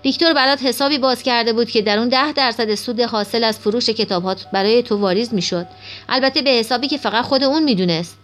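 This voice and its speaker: Calm wise grandmother, voiced by a woman, storybook reading, explanatory. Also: on the high side, soft background music, close to an everyday voice.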